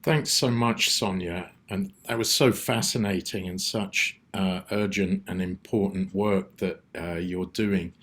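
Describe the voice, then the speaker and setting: Slow-talking, halting man moderating a panel. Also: sits low, fairly even intonation, fairly bright tone. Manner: hesitant, halting delivery with many pauses. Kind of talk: unscripted panel introduction.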